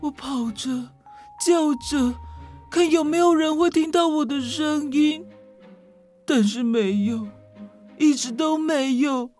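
A woman's voice: high-pitched, slow, pauses often, a little mellow, faint music behind. A woman with a Taiwanese Mandarin accent voicing a lost, wistful dove who was once a girl, telling her tale earnestly.

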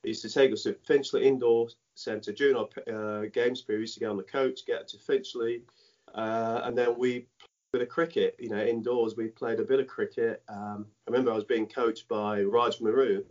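A middle-aged former cricketer who grew up in Dominica, with Dominican French patois as his first language, appears as an interview guest telling stories from his past. His medium-pitched, slightly mellow voice has fairly even intonation, and he speaks haltingly and reflectively, full of "you know" and restarts. The recording sounds dull and lo-fi.

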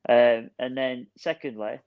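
A man's voice: medium pitch, fairly even intonation, unhurried, clean tone, dry recording. A man co-hosting a casual football chat over a video call. He gives his opinions point by point and keeps saying "for me.". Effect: heard over a video call. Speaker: podcast co-host. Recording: dull, dry lo-fi call audio.

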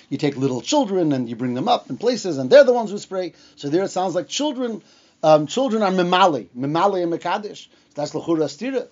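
Male religious teacher, Yiddish accent, pitch a bit high, question-and-answer explaining style, muffled lo-fi recording. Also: a little mellow. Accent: Yiddish-influenced English. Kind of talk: informal religious lecture, reading and explaining texts.

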